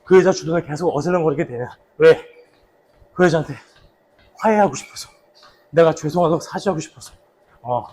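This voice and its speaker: A man with a slightly husky voice casually reminiscing for a vlog while out slow running. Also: on the high side, a little mellow, slight background noise. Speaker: actor, vlog host. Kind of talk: casual vlog reminiscing about a past drama role.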